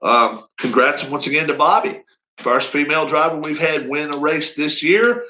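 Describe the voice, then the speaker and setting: A man's voice: fairly high pitch, moderate pace, sharp tone, a little hiss or hum, poor audio. Rambling folksy man in his fifties. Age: 50s. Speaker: racing league streamer. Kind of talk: casual live-stream chat.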